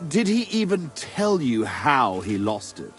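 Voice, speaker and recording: An actor playing a crude, proud bandit camp leader in a video game, blunt, domineering and scornful. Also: male voice, mid-range voice, very animated, a little slow, fairly bright tone, soft background music. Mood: mocking, stubborn. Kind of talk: video game dialogue acting.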